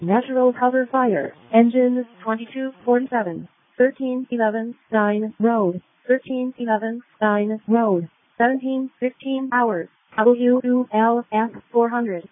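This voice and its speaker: A woman fire dispatcher reading out calls and addresses over a police and fire scanner radio, measured, saying each address twice. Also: a little high, no room sound. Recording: narrow radio band, very dry.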